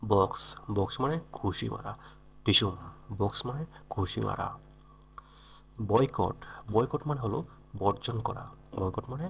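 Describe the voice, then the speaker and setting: Gravelly-voiced male teacher. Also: on the low side. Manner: repeats each word and meaning, corrects pronunciation. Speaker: English vocabulary teacher. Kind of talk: vocabulary lesson.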